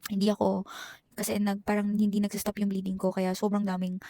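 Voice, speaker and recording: A woman's voice: mid-range voice, monotone, a little fast, dark tone, no room sound. A young woman telling a personal story in a casual vlog, chatty and emotional, mixing Tagalog with English. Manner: emotional, Taglish code-switching, chatty asides. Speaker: vlogger.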